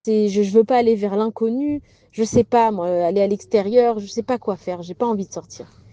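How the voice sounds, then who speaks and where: A woman's voice: medium pitch, brisk, mellow, no room sound, lo-fi sound, natural voice. A woman voicing a contented, stubborn unborn baby boy who speaks in a childlike, playful raised voice. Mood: fearful.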